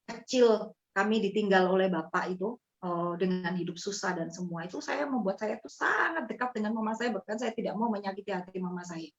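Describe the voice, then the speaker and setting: A woman's voice: mid-range voice, a little fast. A woman, earnestly telling her testimony to a host. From East Java, Indonesia. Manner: earnest, addresses the host as "Pak". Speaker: guest sharing a testimony. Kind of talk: heartfelt personal testimony. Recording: slightly muffled audio.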